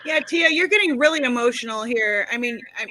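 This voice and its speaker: A woman's voice: a little high, fairly quick, sharp tone, rough recording. A woman in casual chat, teasing and joking.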